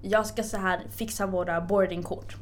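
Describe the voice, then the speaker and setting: A young woman excitedly retelling a story in casual chat, laughing as she talks. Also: medium pitch.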